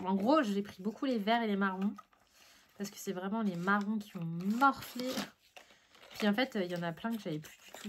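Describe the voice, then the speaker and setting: French woman vlogger, casual and excitable, a bit sniffly, faint room noise. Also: mid-range voice. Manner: chatty, excitable, frequent fillers and sniffing. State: sniffly, ticklish nose. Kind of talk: casual unboxing chat.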